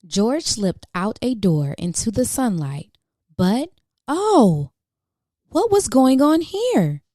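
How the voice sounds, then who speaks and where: Taking her time, a woman reads a picture book for children on her channel, her gentle, mellow voice rising and dipping in lively swoops on every question and exclamation. The sound is intimate and dry, with no room ambience.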